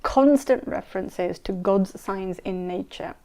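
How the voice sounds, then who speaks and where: Speaking with a mid-range, dark-toned voice at a measured pace, a middle-aged woman scholar and mediator answers interview questions. Born in Saudi Arabia and raised in Kenya and London, she's earnest and emphatic, repeating points for stress.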